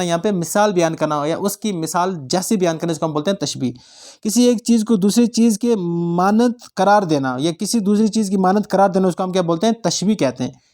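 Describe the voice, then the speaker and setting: Guy teacher going over grammar for exams, kinda high voice, keeps asking "got it?". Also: a little mellow. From Jammu and Kashmir. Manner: asks students frequent check questions; repeats definitions for memorizing. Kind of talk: exam-prep grammar lesson. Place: online class channel.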